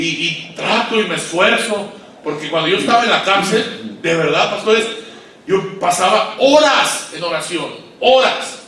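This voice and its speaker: A man preaching a sermon to pastors, swinging between loud emphatic peaks and low quiet asides and asking the audience questions. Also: a little hiss or hum. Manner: asks the audience questions and waits for replies. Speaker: guest pastor. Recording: echoey hall, voice far from mic.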